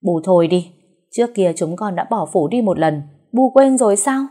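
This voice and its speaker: A woman's voice: lowish voice, lively intonation, normal speed, mellow. A woman voicing a stubborn, angry young man who speaks curtly and defiantly. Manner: curt and defiant.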